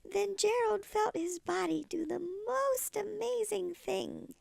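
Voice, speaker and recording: A woman's voice: extremely high pitch, slow, gravelly, no echo. A woman reading a children's storybook aloud in the manner of a sweet old lady. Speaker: storybook reader.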